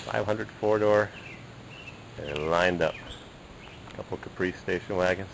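A man's voice: low-pitched, a little slow, gravelly, a little hiss or hum, poor audio. A man narrating his work on a trailer and old cars outdoors, muttering short remarks into a handheld camera. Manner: offhand, mutters short remarks while working. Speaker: video host working on cars. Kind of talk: casual shop vlog narration.

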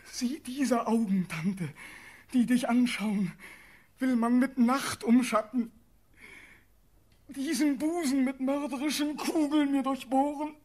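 A young man voices a condemned prince in a classical verse radio drama, horrified and desperately pleading for his life. His very high voice is heavily acted, slow and full of pauses, impassioned and declamatory as it jumps from hush to outcry.

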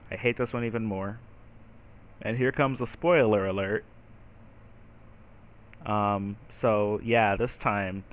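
A man giving casual, rambling, profane commentary while playing a video game. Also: fairly low pitch. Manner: rambling, profane, yells at the boss. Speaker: gaming let's-player.

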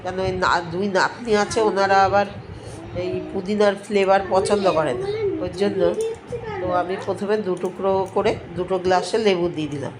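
A woman's voice: medium pitch, fairly even intonation, moderate pace. A middle-aged or older woman with a cold, congested in nose and throat, chattily talking viewers through a recipe step by step. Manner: chatty, homely step-by-step explaining. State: congested with a cold, blocked stuffy nose and throat, speaking with effort. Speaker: home cooking vlogger. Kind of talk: casual recipe narration to viewers. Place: at home while preparing drinks. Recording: noisy kitchen with clinking dishes.

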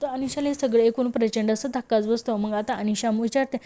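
A woman narrates a TV serial recap as a voice-over in a steady storytelling manner. Her voice sits fairly high, with a warm, mellow tone. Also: a little fast.

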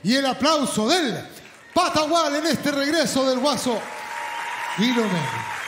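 Announcer guy, really high voice, crowd and music behind. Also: very animated, unhurried, background noise. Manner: booming announcer calls. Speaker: festival announcer. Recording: echoey stage with music and crowd.

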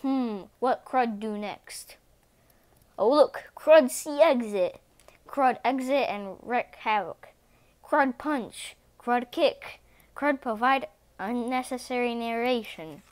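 A woman voicing a dim, gruff male cat villain who talks in blunt, broken caveman grammar in a read-aloud storybook. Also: on the high side, slow pace.

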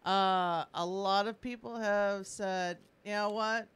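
Slow, clear-voiced woman giving opinions. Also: mid-range voice, steady tone, a bit bright. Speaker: show co-host. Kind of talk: casual opinionated chat.

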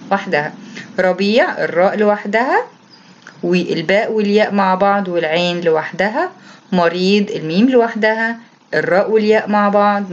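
A woman's voice: mid-range voice, dull audio. A woman teacher with an Egyptian Arabic accent explaining a lesson for young pupils, reading out each task and then going through it patiently. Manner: patient and repetitive, reads each instruction aloud, then explains it. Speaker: primary school Arabic teacher. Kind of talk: recorded classroom lesson explanation.

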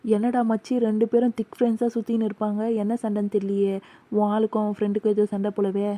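A woman's voice: medium pitch, little pitch movement, quick pace, mellow, dry recording, natural voice. A woman voicing a joking teenage schoolboy in a cartoon who teases his friends. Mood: teasing. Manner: teasing, mocking. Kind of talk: cartoon voice acting.

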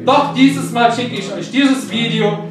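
A man playing a kindly old Santa Claus, reciting a Christmas poem and sending a gentle greeting in a slow, solemn storytelling manner. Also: very high-pitched. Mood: comforting. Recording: very echoey, distant mic, music behind.

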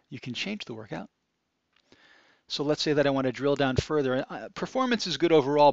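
This is an upbeat man demonstrating a product, narrating a screencast and explaining each click on the website one at a time. The recording of his gravelly, medium-pitched voice is dry and slightly dull, with no room sound at all.

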